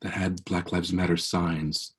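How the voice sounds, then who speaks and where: A man in his forties speaks in a low, slightly husky voice, delivering a heartfelt motivational keynote. He talks with a preacher's earnest cadence and often restarts his phrases. He is heard over a video call. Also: flat delivery, a little slow.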